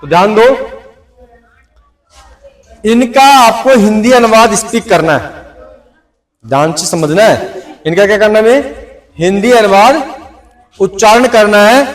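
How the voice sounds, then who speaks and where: A man's voice: high voice, measured pace, long pauses, roomy sound. A man teaching a tuition class, drilling students on pronunciation by repeating words over and over and scolding anyone who stops paying attention. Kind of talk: classroom lesson on English pronunciation.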